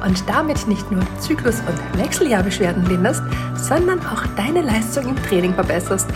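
A woman's voice: mid-range voice, expressive, moderate pace, over loud music. A woman hosting a fitness podcast, asking a guest questions in a chatty, friendly way. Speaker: podcast host. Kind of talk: podcast interview.

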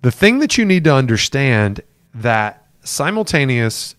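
A middle-aged man at a medium pitch, coaching new agents over a livestream. He talks in a conversational, emphatic way and circles back to restate his main points. The sound is dry and close, with no room echo. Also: big pitch swings, a little slow, fairly bright tone. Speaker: real estate team leader and mentor. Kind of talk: live-streamed talk to new agents. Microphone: camera for a livestream.

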